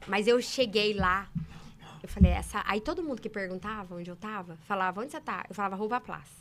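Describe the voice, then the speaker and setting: A woman from Brazil telling sales stories in a casual interview, emphatic and animated. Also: mid-range voice. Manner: animated, emphatic, quick talker. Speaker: saleswoman guest.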